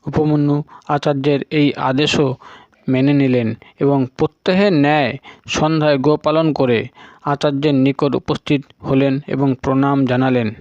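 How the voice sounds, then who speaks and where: Man narrating a scripture story, steady and solemn. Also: medium pitch, unhurried, dry recording. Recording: dull lo-fi recording.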